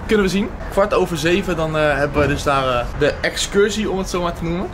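A man's voice: fairly high pitch, fast talker. A man in his twenties with a Netherlands Dutch accent, chatting casually to his vlog camera in an informal way, repeating short phrases. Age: 20s. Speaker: vlogger. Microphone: handheld camera at arm's length. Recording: clear background noise, traffic ambience.

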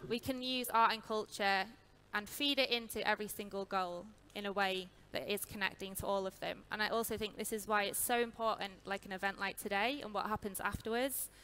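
Bright-voiced woman on a panel. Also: medium pitch, fairly even intonation, clean tone. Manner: articulate, fluent and measured. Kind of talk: panel discussion. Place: large stage. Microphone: headset.

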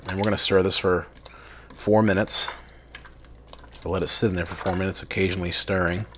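A man's voice: low-pitched, little pitch movement, racing, bright, forceful tone, slight background noise. A young adult man hosting a casual cooking vlog from his home kitchen, chatty and enthusiastic with lots of fillers. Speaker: cooking channel host.

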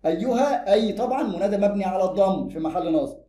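Brisk Egyptian man teaching grammar. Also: sits high, animated, warm tone, reverberant. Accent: Egyptian Arabic. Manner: brisk, drills examples slowly and emphatically. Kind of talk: online grammar lesson.

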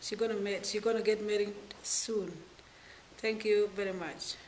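A middle-aged woman from South Sudan introducing herself warm-heartedly in simple phrasing on camera. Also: medium pitch, flat delivery, moderate pace. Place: indoor room, plain wall. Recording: roomy, faint noise.

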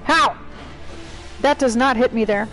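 A woman's voice: mid-range voice, a little slow, vocal fry, a little mellow, soft background music. A woman streaming a game live, swearing and exclaiming at it and chatting with her viewers. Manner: chats to viewers. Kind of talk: live gameplay commentary.

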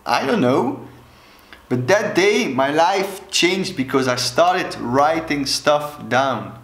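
Framed head and shoulders by a camera mic, this Belgian man in his 30s works as an alcohol coach and addresses the camera earnestly. His voice sits on the high side and is a bit bright, with lively intonation, yet he talks slowly and deliberately, Dutch accent audible, gesturing with both hands. The small room with its plain wall sounds echoey.

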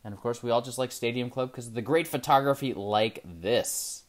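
A trading card channel host chats casually at an indoor desk with a card display, opening packs for a camera mounted overhead that shows only his hands. His medium-pitched voice moves at a normal speed, breaking into bursts of excitement and then trailing off into quiet mumbled asides as he studies the cards.

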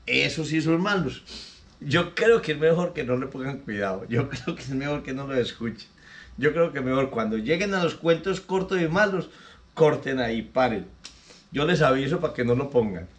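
A man's voice: medium pitch, animated, moderate pace. A man hosting a local show, sending greetings and telling corny jokes he laughs at himself. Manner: chuckles at his own bad jokes. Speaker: host.

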